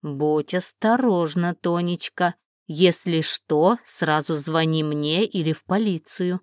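A woman reading the part of a male neighbor who gives calm, concerned advice, in a dry recording. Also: fairly low pitch, slow, no room sound. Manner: calm, advising.

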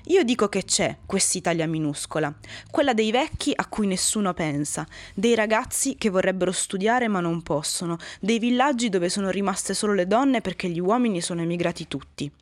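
A woman voicing a humble, patient housemaid who gently argues her point in a storybook reading. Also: mid-range voice, animated, normal speed, hardly any pauses, no room sound, natural voice.

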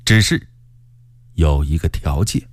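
A man's voice: extremely low pitch, expressive, takes it slowly, no echo, pitched below the performer's own voice, exaggerated voice. A man voicing a proud, stubborn male army commander who speaks in a stern, scornful way. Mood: resolute. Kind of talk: storytelling character voice.

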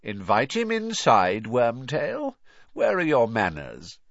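A man voicing a cold, menacing dark lord in an audiobook, speaking quietly and slowly with imperious, controlled command. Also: medium pitch, very animated, no echo, dull audio. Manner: slow, imperious, coolly controlled.

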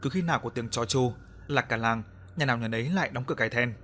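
A man narrating a spooky village story in steady storytelling for an audiobook. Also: medium pitch, quick pace, slight background noise.

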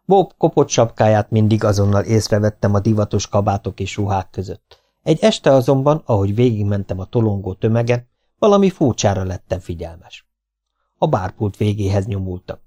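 A man reading an audiobook in calm, measured scripted narration. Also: fairly low pitch.

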